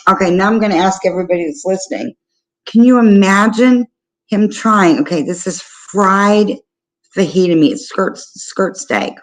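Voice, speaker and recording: A middle-aged woman co-hosts a casual livestream chat. She is blunt and scornful, and she swears freely. Her voice sits at a middling pitch. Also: moderate pace, poor audio. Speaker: livestream co-host.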